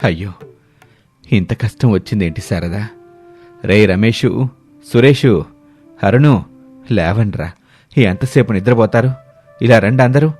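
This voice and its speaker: A man voicing an older village father of a poor family, scolding his idle grown sons in an animated story. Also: on the low side, a little fast, long pauses, faint music behind, lightly acted.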